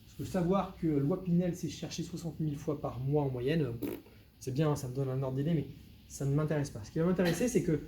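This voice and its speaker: A man on the higher side for his sex, with a very dark, mellow tone, presenting to a live meetup audience. He talks to the room directly and lively, dropping dry asides as he goes. A faint hiss sits under the voice. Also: a little fast. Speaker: web consultant giving a meetup talk.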